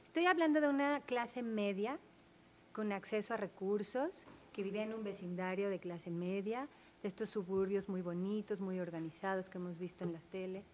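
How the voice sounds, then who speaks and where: A woman's voice: medium pitch, moderate pace, a little mellow, a little hiss or hum. Earnest woman panelist. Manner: earnest, explanatory, emphatic. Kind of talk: academic panel discussion.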